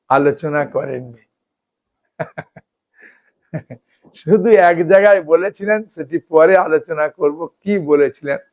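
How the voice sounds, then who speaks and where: A man giving a devotional scripture talk, explaining slowly and often checking in with his listeners. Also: high voice. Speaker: devotional speaker.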